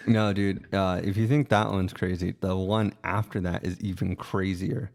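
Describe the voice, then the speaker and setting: Man, laid-back podcast co-host; lowish voice, rambling easy delivery. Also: fairly even intonation, normal speed, vocal fry, darkish tone. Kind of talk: casual chat.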